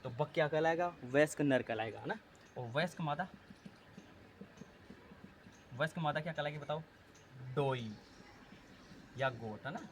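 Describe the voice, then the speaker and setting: A man's voice: a little high, moderate pace, long pauses, slight background noise. A male teacher giving an exam-prep lecture, drilling students by asking a question and answering it himself, with English terms mixed in. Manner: mixes Hindi with English terms.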